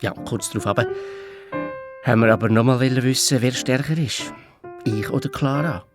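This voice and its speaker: A man's voice: medium pitch, moderate pace. A man with a Swiss German accent narrating a children's audio story in a playful, childlike first person. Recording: dry studio read with soft music.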